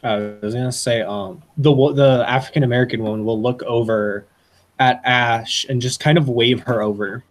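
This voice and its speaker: A man's voice: mid-range voice, steady tone, moderate pace. A man narrating casually as game master of a tabletop game.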